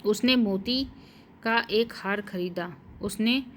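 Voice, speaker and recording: A woman in a mid range gives a grammar lesson at a very unhurried pace. She repeats each word and sentence several times, spelling out vowel marks as if dictating to students. A faint noise sits under her voice. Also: mid-range voice, a bit bright. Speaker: Hindi grammar teacher. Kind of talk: slow dictation-style lesson.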